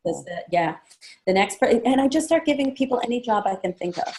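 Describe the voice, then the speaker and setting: A woman's voice: quick pace, slight background noise. A woman running a sales training session, casual and chatty, acting out guest conversations in a livelier voice. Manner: acts out guest chats in a lively higher voice; casual, chatty, many fillers. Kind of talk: training talk to a small group.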